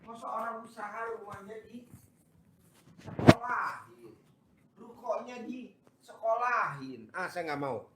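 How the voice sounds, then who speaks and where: A man, hosting and chatting loudly and teasingly with visitors. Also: high-pitched, lively intonation, unhurried, pauses often, noisy background. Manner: joking, boisterous, loud and teasing. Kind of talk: casual chat with visitors. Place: large echoey space, maybe a sheep barn. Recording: very echoey, distant mic.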